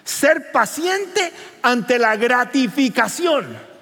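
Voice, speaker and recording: A man preaching a sermon as pastor, animated and rising to near shouts. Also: extremely high pitch, extremely slow, long reverb tail.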